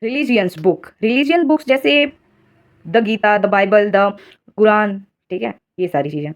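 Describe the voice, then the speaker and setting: A woman teaching an English grammar lesson in Hindi, with an Indian accent, explaining step by step and reading English examples slowly. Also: mid-range voice, animated. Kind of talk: grammar lesson for exam prep.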